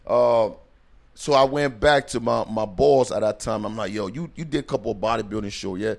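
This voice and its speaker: Interview guest: man from Liberia, low gravelly voice, laid-back streetwise storyteller. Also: brisk. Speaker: personal trainer and bodybuilder guest. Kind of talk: casual interview.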